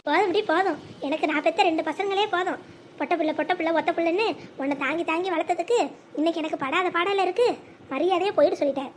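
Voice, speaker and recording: A scolding old mother, commanding and fierce, guarding her property, as a voice actor plays her. Her cartoon voice is sped up and squeaky-high, and the talk comes out rapid-fire. A faint hiss lies under it. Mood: contemptuous. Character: stern elderly widowed mother, fiercely protective of her property. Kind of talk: cartoon voice acting.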